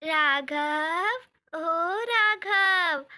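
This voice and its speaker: A woman's voice: extremely high pitch, drawn-out words, bright, forceful tone, heavily acted. A woman voicing a village mother who scolds her stubborn little daughter in a doll story. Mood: scolding. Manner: nagging, exasperated scolding.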